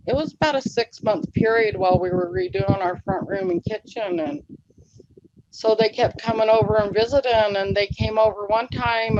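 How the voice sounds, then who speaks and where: A woman's voice: on the high side, dull audio, noisy background. A woman who is an interview guest, telling a personal story in an earnest, rambling way with many fillers. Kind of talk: conversational storytelling.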